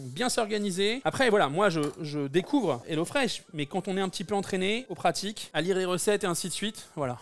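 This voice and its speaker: A man in his thirties chatting casually while he cooks live, joking and thanking his viewers. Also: high-pitched. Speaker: cooking streamer. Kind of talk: live-stream cooking chat.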